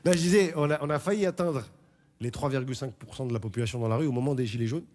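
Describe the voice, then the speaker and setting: A man's voice: medium pitch, very fast, a little mellow. A male stand-up comedian delivering sardonic social satire on stage into a microphone. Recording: noisy live stage recording.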